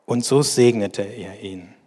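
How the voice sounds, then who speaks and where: A man's voice: on the low side, warm tone, husky. Man reading scripture in a reverberant hall. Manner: slow, deliberate reading with measured explanation. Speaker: bible teacher.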